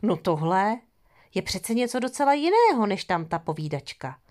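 Woman voicing a cunning fox, sly and boastful, grumbling to herself, loud and lively, fairy-tale audiobook. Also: mid-range voice, close to an everyday voice. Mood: gleeful. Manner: grumbling under her breath, indignant.

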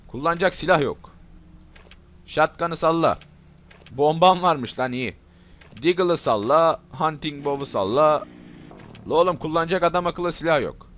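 Excitable young man narrating gameplay. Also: on the high side. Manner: excitable, shouts and curses at zombies. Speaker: gaming YouTuber. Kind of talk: let's play commentary.

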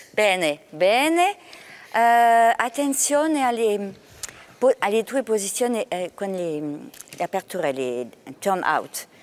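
Lively woman coaching a ballet student. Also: mid-range voice, takes it slowly. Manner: mixes languages, counts and sings out rhythms. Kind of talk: coaching a dancer in class.

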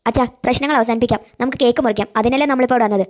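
A woman voicing a caring, firm middle-aged aunt in a cartoon, coaxing and steady. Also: a little high, rapid-fire, natural voice.

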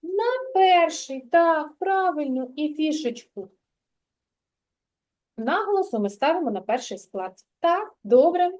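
Kindergarten teacher, woman, high and unhurried, patient and encouraging with a young pupil. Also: sing-song, darkish tone. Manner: patient, encouraging, asks simple questions. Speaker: preschool teacher. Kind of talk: literacy lesson with a child. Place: kindergarten classroom.

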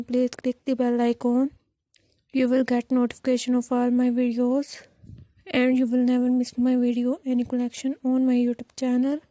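A woman's voice: on the high side, warm tone, dry recording. A woman with a sore throat hosting a scripted slideshow voice-over in a repetitive, formulaic way. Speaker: YouTube channel host.

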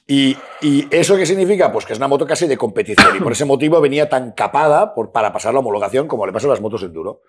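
A man's voice: medium pitch, lively intonation, very fast, few pauses, a bit bright, slight background noise. A man co-hosting a casual motorcycle chat, joking and swearing casually as he talks. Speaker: motorcycle shop co-host.

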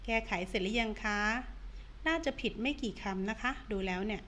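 A woman teacher giving an online reading lesson to young pupils, drawing out each word slowly in a sing-song drill and coaxing them to read along. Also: mid-range voice, a bit bright, a little hiss or hum. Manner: slow, drawn-out, sing-song drilling of words. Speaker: primary school teacher.

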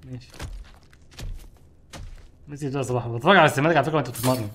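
A young man with an Egyptian Arabic accent giving casual, jokey commentary while he streams a game, with loud outbursts at scares. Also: medium pitch, racing, a little hiss or hum. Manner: jokey, exclaims loudly at scares.

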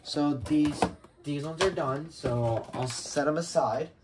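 A man giving casual unboxing commentary as a radio collector, talking in a halting way with many restarts and fillers. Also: on the high side. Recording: steady background noise with packaging crinkles and clicks.

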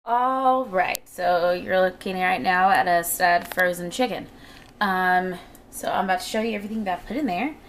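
A woman's voice: on the low side, normal speed. A woman chatting informally and playfully as she narrates a home vlog on a handheld camera. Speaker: home vlogger. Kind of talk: casual vlog chat with narrated cooking. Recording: clear background noise.

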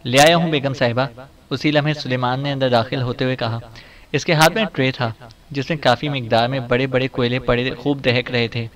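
A man reading a novel aloud as audiobook narrator, in a steady storytelling delivery. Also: medium pitch, brisk.

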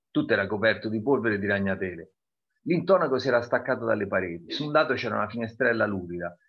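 Low-voiced man reading a novel aloud. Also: dull audio. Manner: calm, deliberate, pausing to comment. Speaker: reader presenting a novel. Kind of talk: reading aloud with brief commentary.

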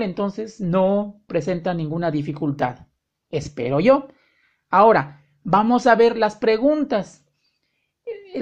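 A woman teaching an online language lesson, speaking directly to the learner and drawing out her example sentences slowly. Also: mid-range voice, darkish tone, muffled recording. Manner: slow, drawn-out example sentences, friendly direct address. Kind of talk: online lesson explaining grammar.

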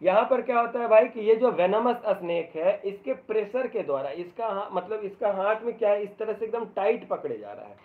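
High-voiced joking teacher on tinny audio. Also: male voice, animated. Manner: playful and joking, reads the English text aloud very slowly. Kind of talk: live online English lesson taught in Hindi.

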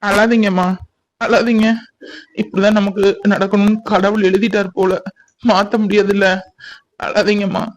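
A woman voicing a gentle, heartbroken young male doctor who speaks softly and consolingly. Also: medium pitch, little pitch movement, normal speed, long pauses, natural voice. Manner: soft, consoling.

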